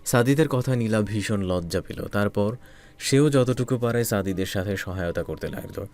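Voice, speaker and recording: Brief: male narrator, lowish voice, calm romantic storytelling. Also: normal speed, faint music behind.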